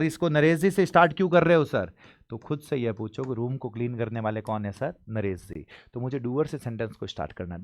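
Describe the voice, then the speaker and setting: A man from India teaching an exam-prep English lesson, pressing students with quick questions and spelling out example sentences slowly. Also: mid-range voice, no echo. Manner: urges students to repeat sentences, drills with rapid questions.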